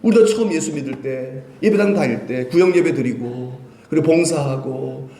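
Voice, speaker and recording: A male pastor preaching a sermon. He asks the congregation questions and answers them himself, swinging from loud emphasis to quiet, low lines. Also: normal speed, slight background noise. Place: church sanctuary. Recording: echoey church hall.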